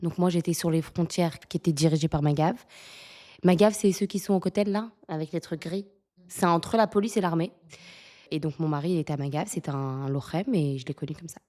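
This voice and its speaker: A woman from France in her thirties tells stories as a podcast guest. She talks in a loose, animated way, filling gaps with "euh" and laughing through her anecdotes. Her voice sits slightly low. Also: a little fast. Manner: animated, laughs often, many fillers. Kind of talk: casual storytelling interview.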